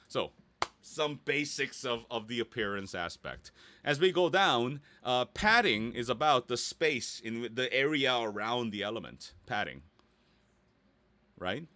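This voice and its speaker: With a mid-range, sharp-toned voice, a male voice actor from Korea or the United States leads a relaxed, playful website tutorial. He reasons out loud as he goes and frequently checks in with whoever's listening.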